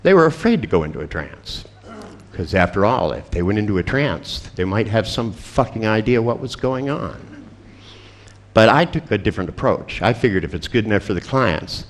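Older man with a deep, wry voice. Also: expressive, moderate pace. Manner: wry, profane, sardonic asides. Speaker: seminar presenter. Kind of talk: storytelling lecture.

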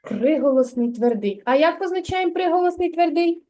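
Жінка-вихователька дитячого садка веде заняття з грамоти з дитиною, терпляче підказує й хвалить. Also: female voice, very high voice, expressive, mellow. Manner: slow, patient, praising and prompting. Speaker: kindergarten teacher. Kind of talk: early literacy lesson with a child.

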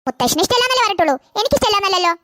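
Performer as defiant cartoon girl, very high and quick. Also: big pitch swings, sharp tone, dry recording, clean studio sound, heavily acted. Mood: coaxing. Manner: defiant, pleading. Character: stubborn teenage girl with a new puppy. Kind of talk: cartoon voice acting.

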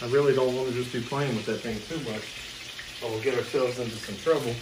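A man's voice: mid-range voice, fairly even intonation, quick pace. Chatty man cooking in a sizzling kitchen. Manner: chatty, talks to the viewer while cooking. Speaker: cooking show host. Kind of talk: casual cooking tutorial. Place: home kitchen, indoors. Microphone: camera mic at a distance. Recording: noisy kitchen with sizzling pan. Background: frying and sizzling food.

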